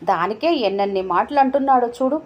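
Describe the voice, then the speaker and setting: A woman voicing a patient grown son who pleads calmly with his father in a storybook reading. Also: fairly high pitch, fairly quick, highs cut off. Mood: earnest pleading. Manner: earnest, pleading.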